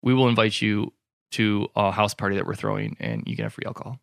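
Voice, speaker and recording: A man's voice: on the low side, very animated, quick pace, vocal fry, no echo, studio quality. A man who is an emergency physician hosting a casual medical podcast, upbeat and jokey.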